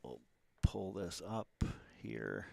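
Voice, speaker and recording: A man's voice: lowish voice, animated, extremely slow, creaky. A man doing casual live commentary on a race stream, chatty and rambling, with lots of fillers and restarts.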